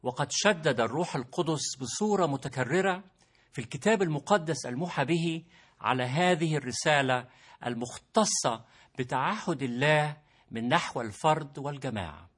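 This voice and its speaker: A man explains a theological point in an earnest, formal way. His voice sits a little high and has a husky texture. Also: expressive, moderate pace, a bit bright.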